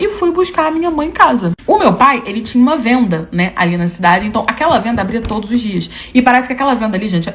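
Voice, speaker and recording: Animated woman telling a wild story. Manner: animated, acts out quoted voices with big pitch jumps. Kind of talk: dramatic first-person storytelling.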